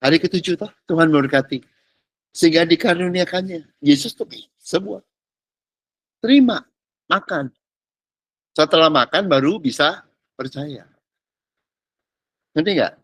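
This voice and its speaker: A man preaching a casual teaching sermon as a pastor. He talks in lively colloquial bursts and keeps checking whether listeners follow. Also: a little high, unhurried, pauses often, dry recording. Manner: animated, colloquial, peppered with English words and "ngerti nggak?".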